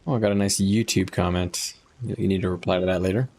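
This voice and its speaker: A man's voice: low voice, steady tone, quick pace, darkish tone, a little hiss or hum. A man giving casual gameplay commentary as a streamer, informal and slangy, thinking aloud as he goes. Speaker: gaming streamer.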